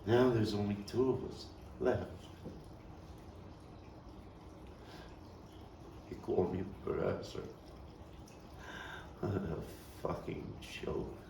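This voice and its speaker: In a grim reminiscence, a man acting a haunted Brooklyn character on stage confesses in a low, gravelly voice, brooding, halting and steeped in bitterness and anguish. The recording comes from a distant mic in a roomy space, with faint background noise.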